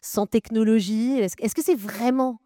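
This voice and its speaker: Lady moderator, warm low-key voice, dry close sound, lots of ums. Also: unhurried, no room sound. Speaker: debate moderator. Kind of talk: debate questioning.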